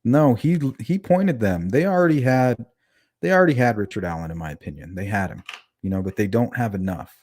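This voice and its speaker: This livestream host is a man with a lisp giving casual true-crime commentary. He talks conversationally, puts questions to his audience and reads the chat aloud. His lowish voice sounds slightly mellow, and he speaks briskly and animatedly.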